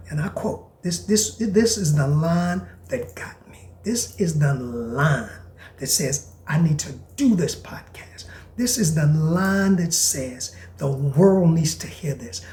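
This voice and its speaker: A man hosting a podcast in a preacher's style, reading aloud and commenting with emphatic repetition and sudden hushed whispers. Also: fairly high pitch, roomy sound, a little hiss or hum. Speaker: podcast host.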